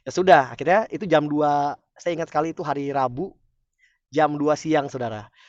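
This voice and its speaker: A man preacher telling a testimony to an online congregation, animated and often calling out to his listeners. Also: on the high side, a little fast, dry recording, lo-fi sound. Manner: animated, frequent "saudara" addresses, rising excitement. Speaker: preacher leading an online fellowship.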